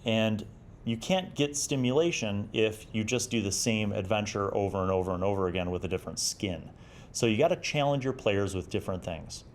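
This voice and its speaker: A man in his forties speaks briskly in a lowish voice, with slight background noise. He hosts a tabletop roleplaying review show, reading magazine excerpts and adding commentary and advice in a conversational, explanatory, encouraging way.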